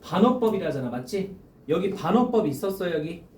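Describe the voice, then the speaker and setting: A male high school teacher lecturing a classroom through exam questions, constantly quizzing students and repeating key phrases. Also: animated, fairly quick, a little mellow, a little hiss or hum. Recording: echoey classroom heard from a distance.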